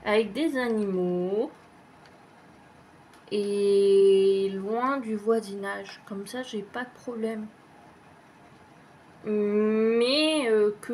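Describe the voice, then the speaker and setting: A woman's voice: medium pitch, a little mellow, slight background noise. A woman vlogger chatting casually as she answers tag questions, rambling and hesitant with lots of fillers and the odd swear word. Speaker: craft vlogger.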